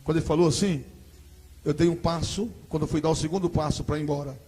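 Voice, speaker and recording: A man with a Brazilian Portuguese accent, an evangelist giving a dramatic testimony sermon with vivid storytelling that swells into loud preaching. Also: on the high side, fairly even intonation, quick pace, slightly rough.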